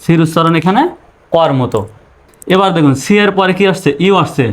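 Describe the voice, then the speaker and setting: A man's voice: on the high side, a little fast, slight background noise. Patient man teaching English spelling. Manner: patient, repeats rules and spells letters aloud. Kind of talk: spoken spelling lesson.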